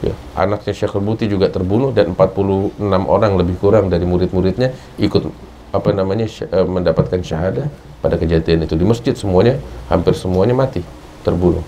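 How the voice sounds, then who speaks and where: An Indonesian-accented man preaches at a religious study class, with a mellow, relaxed tone and a lowish voice. He tells stories and climbs to emphatic high points. A faint hiss of background noise sits under the recording. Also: fast talker, poor audio. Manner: storytelling, rising to emphatic peaks. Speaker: religious teacher. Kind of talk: Islamic study sermon.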